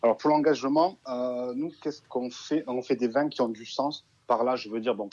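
A man in his thirties from southern France, with a southern French accent, speaks as a wine merchant guest on a radio interview, chatty yet hesitant. His voice is medium-pitched, a little mellow, fairly even in intonation and moderately paced, and the recording sounds dull and lo-fi.

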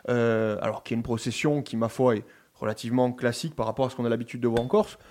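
A man's voice: mid-range voice, steady tone, quick pace, a little mellow. Chatty male radio columnist, rambling delivery. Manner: chatty, digressive, many restarts and fillers. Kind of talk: radio talk show segment.

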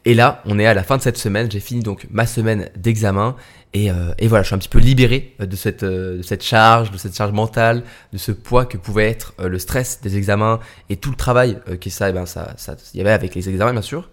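A young man with a lowish, fairly even voice hosts his student podcast late at night, speaking fairly quickly. He sounds casual and tired, talking solo with lots of hesitations, fillers and restarts.

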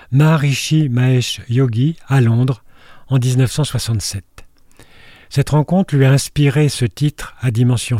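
A man's voice: mid-range voice, warm tone, no echo, studio quality. An older man reading a wry, scripted film column on the radio, with storytelling asides.

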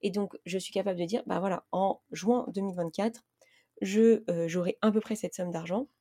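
Young woman chatting on her podcast at home, warm mellow voice, lots of "bah" and "euh". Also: mid-range voice, fairly even intonation, moderate pace. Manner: chatty, conversational, many fillers. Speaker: podcast host. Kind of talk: casual solo podcast chat. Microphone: raised mic, holding a baby.

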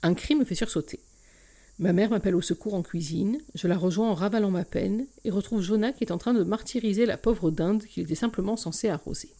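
A woman's voice: medium pitch, fairly quick, dark tone. A woman hosting a book podcast, speaking frankly and confidingly to listeners before she reads an excerpt aloud. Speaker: podcast host. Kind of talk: book review and read-aloud.

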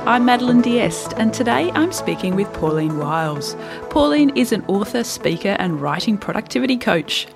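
A podcast host with a medium-pitched, very animated voice and some vocal fry talks at a normal speed over music. In a casual interview, she questions her guests in a playful, relaxed way.

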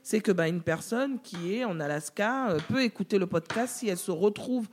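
A woman's voice: mid-range voice, animated, normal speed. A middle-aged woman, a guest on a podcast, talking in an enthusiastic, chatty way. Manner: enthusiastic, chatty, full of praise. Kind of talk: casual podcast interview.

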